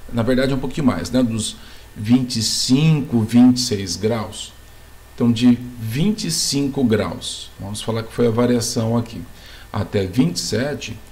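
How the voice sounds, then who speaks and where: A man with a mid-range, slightly mellow voice walks through a geography video lesson one step at a time. He keeps asking his students questions before supplying the answers, checking in as he goes.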